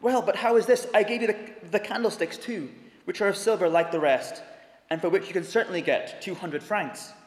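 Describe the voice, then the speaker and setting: A kindly old bishop, gentle and grave, as a preacher reads him out. He moves from bright wonder to a low, hushed solemnity. His voice rings through a hall with long, roomy reverb. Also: brisk, lightly acted. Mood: surprised, kindly. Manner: warm exclamations giving way to low, hushed solemnity.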